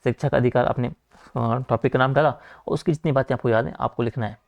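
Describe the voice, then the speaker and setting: Gravelly young male coaching teacher. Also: mid-range voice, steady tone. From Uttarakhand, India. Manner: talks fast, repeats filler like "theek hai" and "aapka". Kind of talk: online lecture, informal asides to students.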